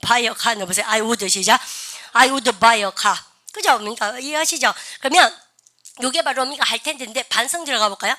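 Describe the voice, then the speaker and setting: A woman's voice: on the high side, normal speed, bright, forceful tone. A woman teaching an English conversation class at a blackboard, calling out drills for her learners to repeat and chatting with them between points. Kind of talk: classroom lesson.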